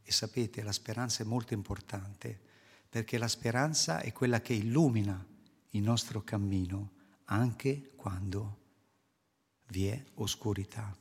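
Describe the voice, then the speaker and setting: A man's voice: fairly low pitch, a little slow, breathy edge. A man preaching a sermon to a congregation, explaining scripture earnestly and posing rhetorical questions. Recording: long hall reverb.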